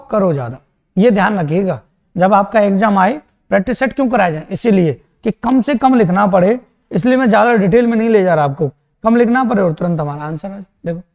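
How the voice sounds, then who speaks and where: High-pitched guy doing exam math prep, quick and reassuring, echoey room. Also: darkish tone. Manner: brisk, reassuring, often checks in with students. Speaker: math teacher.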